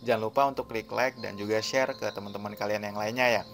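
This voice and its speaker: A man's voice: lowish voice, steady tone, fast talker, a bit bright. A man teaching English vocabulary, repeating each word three times before giving its meaning. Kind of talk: slow repetitive vocabulary drill.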